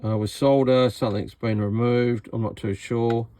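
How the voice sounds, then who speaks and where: An Australian man presenting a radio repair hobby video gives casual, hands-on commentary while inspecting equipment, blunt and sarcastic in manner. His mid-range voice is steady and dark-toned, at a moderate pace, in a dry recording.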